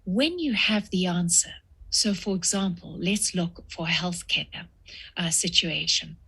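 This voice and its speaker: A woman in her sixties from South Africa, a guest author answering podcast interview questions in a measured way with frequent pauses. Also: fairly low pitch, vocal fry, bright, forceful tone, breathy edge.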